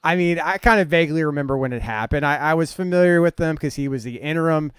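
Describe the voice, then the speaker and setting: A man hosting a casual college football preview interview, relaxed and halting with fillers. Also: a little high, clear, resonant tone, no echo, studio quality. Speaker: podcast host.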